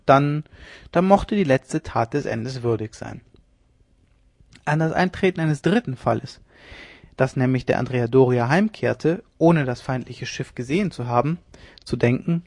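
A man narrating a classic novella as an audiobook in a measured, steady storytelling manner. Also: medium pitch, no echo, clean studio sound.

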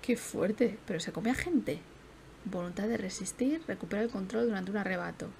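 A young woman chats through a life-sim stream with a mid-pitched voice. She sounds a little worn out, laughs easily and swears in casual asides. A faint background noise runs beneath her. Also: normal speed, creaky, a little mellow. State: tired. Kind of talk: casual gameplay commentary.

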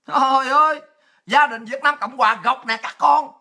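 A woman with a Southern Vietnamese accent, hosting a livestream and delivering a crude, taunting political rant with frequent shouting. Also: high-pitched, normal speed, breathy edge. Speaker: livestream host.

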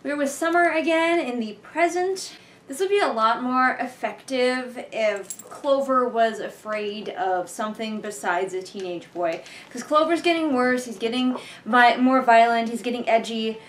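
A young woman, a book reviewer, reads along with a book from her living room couch, tossing out casual, sarcastic remarks in an exasperated, informal way. Her voice is fairly high and her pace measured, with a little hiss or hum in the background. The camera recording her sits a short distance away.

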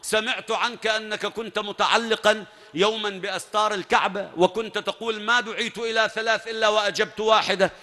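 A male preacher voicing a calm, resolute young male hero who answers a challenge. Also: sits high, fairly quick, pitched above the performer's own voice. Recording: long hall reverb.

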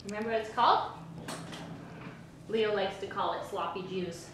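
A woman at home giving quiet, offhand answers from off camera. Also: medium pitch, moderate pace. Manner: quiet, offhand replies from across the room. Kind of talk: casual home chat. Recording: off-mic, roomy and noisy.

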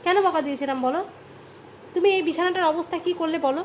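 High-voiced mother coaxing softly. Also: fast talker, slight background noise. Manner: pleading, coaxing in a high soft voice. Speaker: mother coaxing her child. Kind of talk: home vlog with child. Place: home bedroom.

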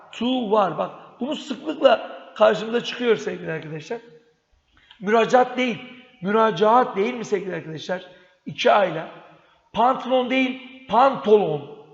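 High gravelly male teacher, lo-fi. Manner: repeats wrong and right forms, addresses students as dear friends. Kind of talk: exam-prep spelling lesson. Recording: dull lo-fi sound, long reverb.

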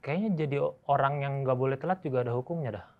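Fast-talking teasing male interviewer. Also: mid-range voice, narrow, tinny audio, noisy background. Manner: teasing, interrupting, rapid-fire questions. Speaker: interviewer and host. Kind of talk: mock-serious comedic interview.

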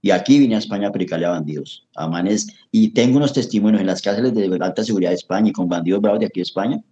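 In a fairly low, dark voice that races along, heard through a muffled recording, a middle-aged Colombian interview guest with a Colombian accent recounts a personal testimony. It's a casual chat turned emotional, and he sounds earnest and preachy, often calling the host brother, papi, and hermano.

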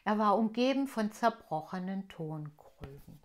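A woman reading a children's book aloud in a clear, gentle voice. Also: medium pitch, animated, unhurried. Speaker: storyteller for children.

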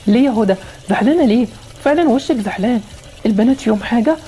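A woman with an Egyptian accent voicing a gentle, reassuring father in a voiced game story. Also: on the high side, racing, a little hiss or hum, close to an everyday voice. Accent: Egyptian Arabic. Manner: calm, reassuring. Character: gentle father, often away traveling.

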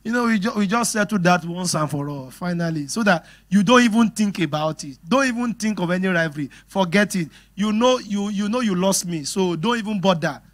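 A middle-aged man with a Nigerian English accent preaching a sermon on marriage. His voice sits a little high for a man. He is lively and laughs readily as he speaks directly to his congregation. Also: brisk, hardly any pauses. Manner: animated, laughing, talks straight to the congregation. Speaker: pastor.

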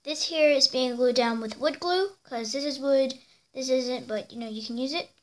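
A woman's voice: high-pitched, moderate pace. A girl casually showing off her toy horses in a vlog, rambling and chatty with frequent fillers and little squeals, filmed indoors at home on a handheld camera. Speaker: toy horse collector vlogger. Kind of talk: casual show-and-tell vlog.

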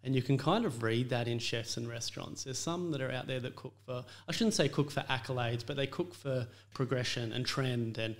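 A man's voice: mid-range voice, a little fast, few pauses. A man, a chef talking about his career in an earnest, reflective interview manner. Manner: earnest, reflective storytelling with frequent fillers. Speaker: chef and restaurant owner, guest. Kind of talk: casual interview conversation.

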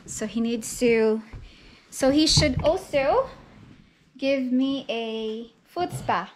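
In a playful home vlog, a young Filipino-speaking woman from the Philippines laughs and chats in a small living room and bathroom. She has a fairly high voice and takes things at a slow pace. The audio, from a handheld camera at arm's length, is noisy.

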